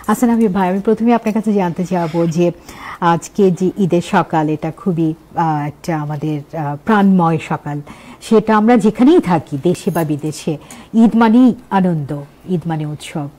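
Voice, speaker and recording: A woman with a Bangladeshi accent presenting a festive television talk show as host, in measured phrases and lists of questions. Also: lowish voice, warm tone.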